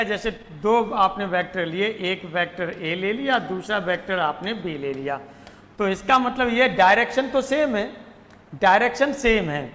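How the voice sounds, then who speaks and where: High-voiced man teaching math. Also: fairly bright tone, in a large hall. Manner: repeats terms and asks himself questions. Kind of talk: classroom lecture.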